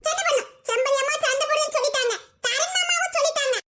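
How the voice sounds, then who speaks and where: A pair of cheeky little children, voiced by a woman, tattling in squeaky, giggly chatter. The voice sits extremely high and sounds bright and sharp. It is a comic family skit. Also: fast.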